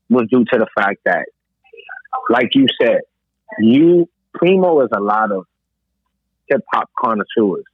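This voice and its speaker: Here a podcast co-host with a fairly low voice argues about music in a relaxed but emphatic manner, leaning on repetition to make his case. The recording is dry and comes through a thin line that sounds like a phone.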